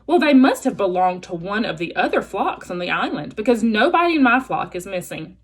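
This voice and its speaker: An old gray goose from a storybook, played by a woman. She is blunt, scolding and practical, with a husky voice that swings up and down. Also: mid-range voice, very animated, brisk. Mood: brusque. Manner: squawking, blunt.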